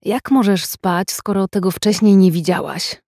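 A woman's voice: medium pitch, unhurried, a little mellow, dry recording, clean studio sound. A woman voicing a casual, teasing young man in a spoken story, with an offhand manner.

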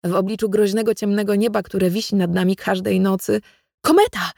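A woman narrating first-person literary fiction in a detached, measured way. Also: medium pitch, flat delivery, vocal fry, dark tone, dry recording, studio quality.

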